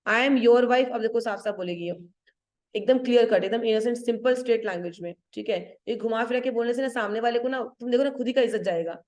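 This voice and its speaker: This English literature teacher, described as a Hindi-teacher woman, has a mellow voice set somewhat high. Explaining a play one line at a time, she mixes Hindi with English, checks in with "ठीक है?", and takes the verse quotations at an unhurried pace.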